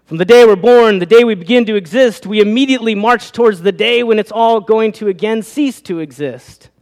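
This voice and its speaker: A man's voice: sits high, fairly quick. A pastor preaching a sermon, asking his listeners rhetorical questions, his voice rising and falling. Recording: long reverb of a hall.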